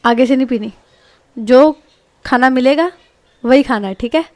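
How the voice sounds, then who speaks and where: A patient, gently stern male doctor in a spoken storybook, as a woman narrator puts him on. He coaxes in an even, everyday tone at a fairly high pitch, close to the teller's own voice. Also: measured pace, no echo. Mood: coaxing.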